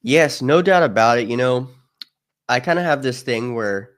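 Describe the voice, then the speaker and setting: A man's voice: mid-range voice, normal speed, clean tone. A man speaking as a guest in a casual chat, telling stories animatedly and acting out quoted people. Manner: animated storyteller, acts out quotes.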